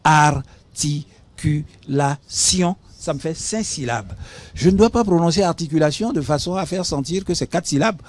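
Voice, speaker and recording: A man's voice: on the high side, animated, fairly quick, a little mellow. A man from Benin explaining speaking skills on a studio talk show, teaching patiently and spelling words out. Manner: didactic, spells out words, asks "hein?". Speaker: guest expert on public speaking. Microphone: studio mic.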